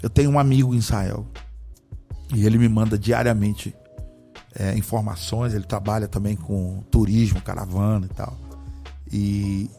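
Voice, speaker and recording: A man's voice: lowish voice, steady tone, normal speed, gravelly, warm tone, soft background music. A man from Brazil, an apostle guest, talking about faith in a fervent, preaching way and firing off rhetorical questions. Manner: fervent, emphatic, often asks rhetorical questions. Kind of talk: religious conversation with preaching.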